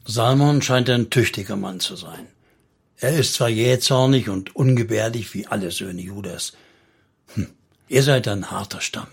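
A man voicing a thoughtful, tender old prophet who speaks in a measured, grave way in an audiobook reading. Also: lowish voice, creaky, breathy edge, full character voice. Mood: probing.

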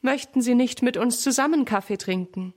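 A woman's voice: on the high side, moderate pace, darkish tone, natural voice. A woman voicing a cheerful mother sheep in a children's story, talking in a friendly, polite, welcoming way.

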